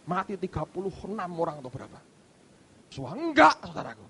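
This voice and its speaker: A middle-aged male pastor preaching a sermon, emphatic, with sudden loud outbursts and quiet asides. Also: sits high, wildly swooping pitch, fast talker, creaky, husky.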